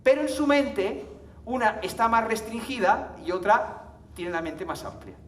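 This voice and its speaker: His voice sits high and sounds animated, though his pace is a little slow, as he presents a live conference talk. Chatty and quick to laugh, he regularly checks in with the audience using tag questions. The hall is echoey and the microphone is far away.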